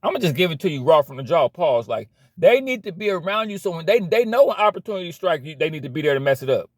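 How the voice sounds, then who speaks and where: Preaching in a slightly high, sing-song voice at a fast clip, a male motivational vlogger bluntly urges cutting problem people from your life, using slang and repeating points. It's a dry, clean studio recording.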